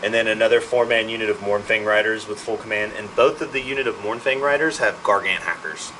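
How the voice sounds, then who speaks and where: A man's voice: fairly low pitch, fairly even intonation, fast talker, bright, forceful tone, slight background noise, low-quality recording. A man casually listing the units in his tabletop army, informal and correcting himself as he goes. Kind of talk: casual list rundown.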